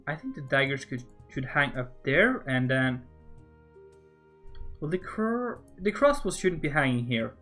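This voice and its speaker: Norwegian-accented man, slow unhurried delivery, rambling self-talk while building, faint music underneath. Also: mid-range voice, big pitch swings, fairly bright tone. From Norway. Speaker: Minecraft builder streaming. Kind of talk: casual building commentary.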